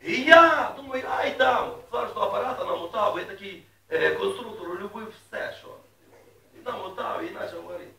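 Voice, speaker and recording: A man preaching a sermon to his congregation in a folksy way, asking them questions and rising loudly when he reads scripture. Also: high voice, moderate pace, vocal fry. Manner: folksy, asks the congregation questions, rises to loud reading. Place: church hall. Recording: echoey room, mic at a distance.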